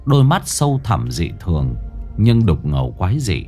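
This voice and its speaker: A man's voice: sits low, huge pitch swings, moderate pace, dark tone, soft background music. A man narrating a ghost story with dramatic, swinging delivery.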